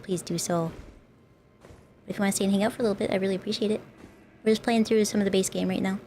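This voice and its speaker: A woman's voice: medium pitch, darkish tone, a little hiss or hum. A woman livestreamer chatting casually while she plays a game, with a playful, cute anime-streamer manner. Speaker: livestreamer, VTuber host. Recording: music playing behind the voice.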